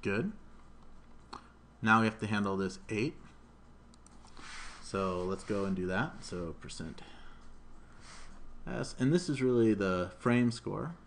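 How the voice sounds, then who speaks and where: Over the clatter of a keyboard and general room noise, a man in his thirties walks through an informal coding tutorial, voicing each step as he works it out. His voice is fairly low and slow, with long pauses, captured by a noisy room mic.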